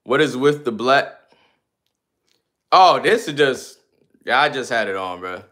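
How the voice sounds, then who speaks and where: A man's voice: mid-range voice, expressive, measured pace, a bit bright. A man in his twenties livestreaming, reading viewer comments aloud and answering them in loose, slangy, sometimes ranting casual chat. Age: 20s.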